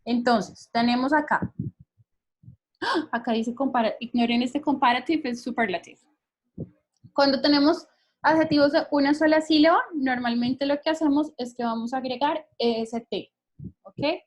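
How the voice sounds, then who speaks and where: A woman's voice: high voice, moderate pace. A woman teacher explaining English grammar rules patiently, often checking that her students follow along. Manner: patient, checks understanding with frequent questions. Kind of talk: recorded grammar lesson explaining in Spanish.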